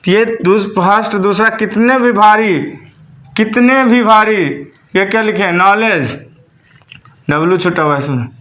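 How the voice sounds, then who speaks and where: Slow, high-voiced man teaching a class. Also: fairly bright tone. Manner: slow, repeats questions to the class and spells words letter by letter. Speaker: English teacher. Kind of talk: classroom lesson. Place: classroom with a board.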